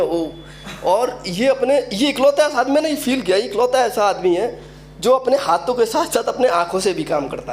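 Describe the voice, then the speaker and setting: Young guy from up north india doing standup at an open mic, pretty high voice, a bit of hiss in the back. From Uttar Pradesh, India. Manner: storytelling, acts out quoted characters. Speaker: stand-up comedian. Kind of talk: stand-up comedy set. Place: open mic event venue.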